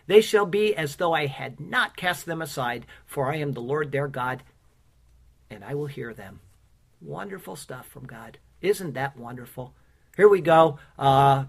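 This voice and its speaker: A pastor preaching a sermon with casual asides and fillers, who reads his own rhymed Bible poem in a measured cadence. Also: medium pitch, vocal fry, a bit bright. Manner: earnest, recites rhymed verse in a measured cadence.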